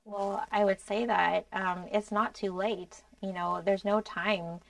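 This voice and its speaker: A middle-aged American woman co-hosts a podcast, explaining a grief program earnestly and a bit hesitantly in a conversational discussion. Her medium-pitched voice is steady, slow and creaky. She speaks into a boom-arm podcast mic in a small indoor studio, but the recording is dry, rough and sounds distant.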